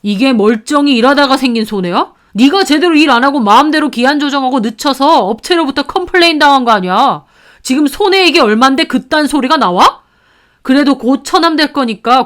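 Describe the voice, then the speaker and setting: A woman's voice: sits high, animated, fairly quick, fairly bright tone. A woman voicing an angry older brother and company manager who berates a careless employee. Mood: furious. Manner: furious, berating.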